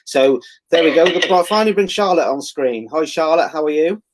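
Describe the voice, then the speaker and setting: A man's voice: on the high side, animated, moderate pace. A man hosting a live readings show in a casual, chatty style.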